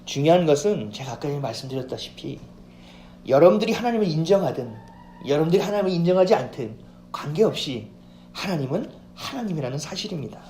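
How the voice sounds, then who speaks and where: A male pastor preaching a sermon in an animated way, putting questions to the congregation. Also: a little high, fast talker, a little hiss or hum. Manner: animated preaching, acts out quoted voices, asks congregation questions. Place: church sanctuary. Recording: echoey church hall with faint ambience.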